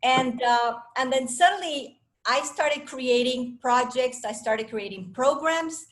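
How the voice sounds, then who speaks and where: Woman from Venezuela, fifties, coach addressing a room, upbeat and sure of herself, somewhat high voice. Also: slow. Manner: enthusiastic, self-assured, chatty with restarts. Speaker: speaker and coach. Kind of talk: talk to a live audience.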